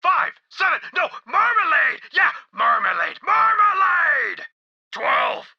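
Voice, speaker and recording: An actor playing a frantic bandit cultist in a video game, shrieking, pleading and sobbing. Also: male voice, very high voice, huge pitch swings, slow, gravelly, raised voice, muffled recording, full character voice. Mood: hysterical.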